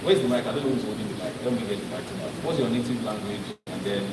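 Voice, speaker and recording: Racing along in a mid-range voice, a presenter interacts with a live audience, quizzing the crowd and frequently restarting his sentences. He sounds distant in an echoey hall, and a clear layer of noise runs through the recording.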